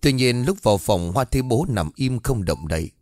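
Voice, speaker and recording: A man narrating a dramatic story in a steady, measured way. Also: medium pitch.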